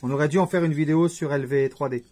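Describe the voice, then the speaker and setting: High-pitched man, rambling jokey vlogger. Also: steady tone, fast talker, dark tone. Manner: rambling, jokey, conversational asides. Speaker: YouTuber host. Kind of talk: casual vlog chat to camera.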